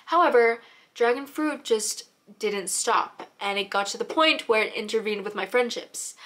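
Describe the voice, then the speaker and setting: A woman's voice: fairly high pitch, a bit bright. A young woman in her teens chatting casually as a host who reads confessions and gives advice, with an earnest, encouraging manner. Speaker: host reading viewers' confessions and giving advice. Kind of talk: casual advice chat and reading submissions aloud.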